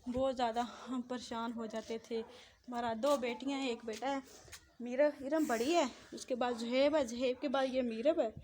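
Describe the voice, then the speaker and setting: A woman's voice: steady tone, normal speed, a little mellow, a little hiss or hum. A mother of three in her thirties, chatting casually at home about her children. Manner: chatty storytelling, switches to high cooing baby talk. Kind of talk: casual home vlog chat.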